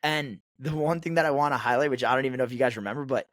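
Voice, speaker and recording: A man's voice: medium pitch, racing, fairly bright tone, dry recording. Casual young man, dry close sound. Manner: rambling, filler-heavy storytelling. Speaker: podcast co-host. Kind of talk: casual chat.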